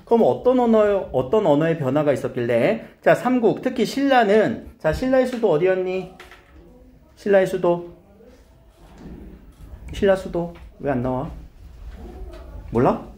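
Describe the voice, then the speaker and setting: Animated male teacher quizzing his class. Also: high-pitched, moderate pace. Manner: asks students questions and coaxes answers, repeats key terms. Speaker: high school Korean teacher. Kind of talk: classroom grammar lesson.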